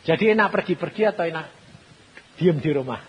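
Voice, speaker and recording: A man with a Javanese accent preaching a sermon, telling stories in a lively way that swings between hushed and loud lines. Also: fairly high pitch, brisk, dull audio, slight background noise. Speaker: pastor. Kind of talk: sermon with storytelling.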